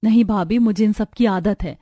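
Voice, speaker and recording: A woman's voice: medium pitch, normal speed, soft background music, close to an everyday voice. A woman voicing a meek, polite young village daughter-in-law. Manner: soft and polite.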